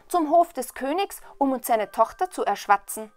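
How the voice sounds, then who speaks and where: A woman's voice: high-pitched, expressive, moderate pace, voice pushed up. Woman playing scornful, haughty brothers. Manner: mocking, loud.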